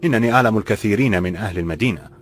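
A man voicing a calm, kind old bookseller who speaks formal classical Arabic, in a slightly raised voice. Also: on the low side, very fast, faint music behind, close to an everyday voice.

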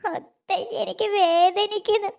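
A timid little girl from an animated cartoon, frightened and tearful. Her voice is extremely high and small. She pleads and whimpers softly. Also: normal speed, creaky. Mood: hurt, timid.

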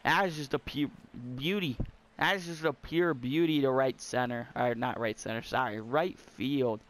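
A young man giving casual, excitable commentary while playing a baseball video game and talking to his viewers. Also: mid-range voice, normal speed. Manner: excitable, talks to viewers and the screen. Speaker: gamer.

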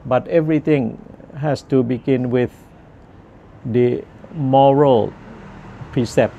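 A man in his sixties with a Thai accent gives earnest political commentary in deliberate short phrases with pauses, speaking into a lapel mic. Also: medium pitch, fairly even intonation, dark tone, dull audio. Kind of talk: measured monologue commentary to camera. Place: outdoors on a garden bench. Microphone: lapel microphone. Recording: outdoor ambient noise.

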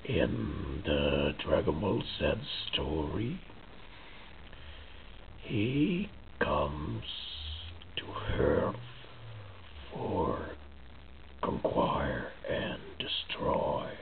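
A man speaking through a face mask as he shows off a costume mask. He talks in a halting, often whispery way. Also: very deep voice, big pitch swings, vocal fry. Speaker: vlogger showing a costume mask. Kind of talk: casual show-and-tell. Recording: tinny phone-like sound with faint noise.

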